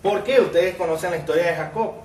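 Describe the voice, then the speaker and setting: A man's voice: high voice, fast talker, recorded from a distance, slight background noise. Male pastor preaching in an echoey room. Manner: asks the congregation rhetorical questions and calls them brother; reads scripture aloud with rising emphasis. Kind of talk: sermon.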